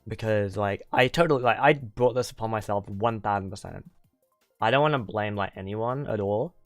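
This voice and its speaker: Streaming to his audience, a young man talks loosely and exasperatedly, venting at times, tripping over restarts and filling gaps with "like." His voice sits on the low side at an ordinary pace, the recording is dry, and game music plays faintly behind him.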